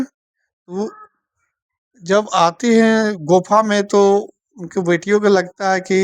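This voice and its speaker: Slow, low-voiced woman teaching scripture. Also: no echo. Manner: slow, keeps asking "theek hai na?". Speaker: Bible teacher. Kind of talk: Bible study teaching.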